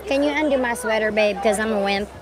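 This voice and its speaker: Female live-stream vlogger, playful casual chat, slightly high voice, heavy outdoor crowd noise behind. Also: fast talker. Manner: chatty, playful. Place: outdoors at a busy theme park.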